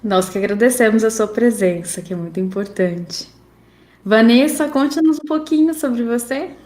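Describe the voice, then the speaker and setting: A woman's voice: a little high, moderate pace, a little mellow. A woman hosting a live panel, speaking semi-spontaneously. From São José do Rio Preto, Brazil. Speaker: live-stream host.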